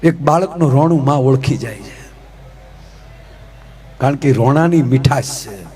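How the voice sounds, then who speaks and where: A man's voice: medium pitch, unhurried. A man with a Kathiawadi Gujarati accent, telling humorous and devotional stories on stage and keeping the audience involved. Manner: animated, keeps calling out to the audience. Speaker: folk storyteller on stage.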